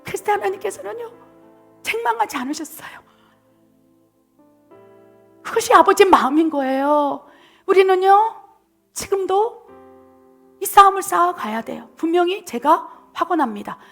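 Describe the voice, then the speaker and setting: A middle-aged woman missionary pastor preaching a passionate sermon, swinging from loud appeals down to soft whispers. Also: very high-pitched, animated, moderate pace, vocal fry, long pauses, soft background music.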